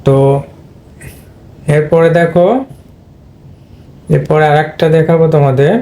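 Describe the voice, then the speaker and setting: Male teacher, mellow, fairly high voice, explains step by step and repeats himself to students. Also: steady tone, a little slow. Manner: repeats and addresses students directly. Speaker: English pronunciation teacher. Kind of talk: explanatory lesson.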